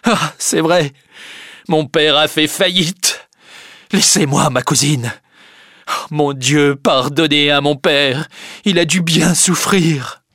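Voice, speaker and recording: A man's voice: a little high, slow, long pauses, sharp tone, no room sound, clean studio sound, voice pushed up. A man reading aloud who voices a grieving young man crying out in anguish. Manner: sobbing, anguished cries. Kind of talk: audiobook reading.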